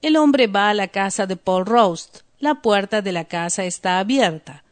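A woman narrating a story slowly and deliberately for language learners, then reviewing vocabulary. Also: mid-range voice, lively intonation. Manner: slow, deliberate, clear. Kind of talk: slow scripted narration for learners.

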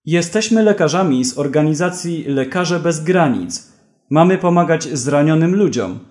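A man's voice: on the high side, expressive, moderate pace, darkish tone, lightly acted. A man voicing a firm female field doctor. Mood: urgent. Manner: firm and insistent.

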